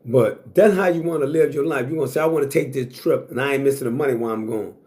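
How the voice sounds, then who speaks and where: A man in his sixties vlogs straight to camera with a fast, mellow, medium-pitched voice. His monologue is blunt and boastful, with plenty of swearing and repetition.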